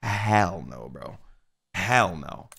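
A man's voice: deep voice, lively intonation, very slow, creaky. A young man giving live gameplay commentary as a streamer, talking like a frat bro with constant swearing and slang. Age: young adult. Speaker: game streamer. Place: indoor room, streaming setup. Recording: loud game gunfire and vehicle noise. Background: shooter game gunfire, vehicles.

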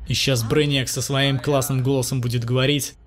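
A man's voice: medium pitch, little pitch movement, brisk. A young man giving casual, slangy Let's Play commentary on a mobile fighting game. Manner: slangy, informal, narrating and paraphrasing the cutscenes. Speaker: gameplay commentator.

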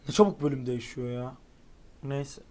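A young man giving casual, excitable commentary while playing a racing game online. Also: mid-range voice, moderate pace. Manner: excitable, exclaims at near misses. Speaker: gaming YouTuber.

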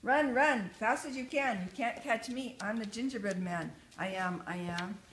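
A woman's voice: mid-range voice, steady tone, moderate pace, lightly acted. Storybook gingerbread boy, cheeky and boastful, chanting his taunts, read by an older woman; echoey room. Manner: taunting sing-song chant. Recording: echoey room, faint noise.

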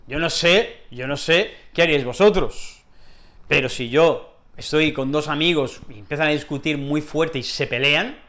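A man's voice: on the high side, moderate pace. A man with a Spain Spanish accent teaching a casual language lesson, acting out little scenes with lots of fillers. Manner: animated, acts out little scenes, many fillers.

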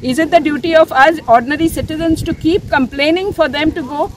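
Older woman, civic activist, high voice, insistent, many restarts, outdoor interview with faint traffic behind. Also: fairly quick. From India. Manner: earnest, insistent, with frequent restarts and fillers. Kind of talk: on-the-spot news interview. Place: outdoors near a beach, under an umbrella.

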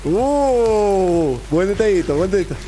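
A man's voice: high-pitched, lively intonation, unhurried, dark tone. A man with a Spain Spanish accent hosting a game video, teasing and swearing a lot. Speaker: host. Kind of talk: casual gaming commentary. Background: background music.

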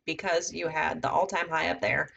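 A woman's voice: low-pitched, normal speed, gravelly, bright, forceful tone, lo-fi sound. A woman casually teaching trading setups on a live stream, thinking aloud as she marks up charts at her computer. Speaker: trading educator.

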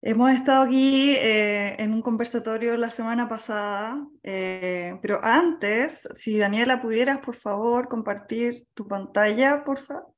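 Slow-spoken woman from Chile. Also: fairly high pitch. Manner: slow, careful, polite. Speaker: business consultant, cofounder. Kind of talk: panel presentation on a video call. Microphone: video call.

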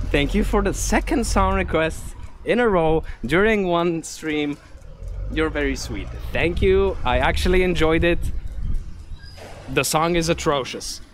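Man, streamer, outdoors, giggly, teasing, very lively pitch, slow pace. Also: a little hiss or hum. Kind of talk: casual live-stream chat.

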